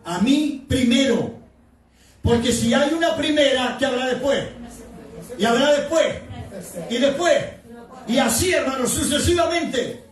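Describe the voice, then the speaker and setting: A man, a pastor delivering a fervent evangelical sermon in a church, shouting key lines and asking the congregation questions. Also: very high voice, animated, measured pace, pauses often. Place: church sanctuary. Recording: echoey hall, speaker far from mic.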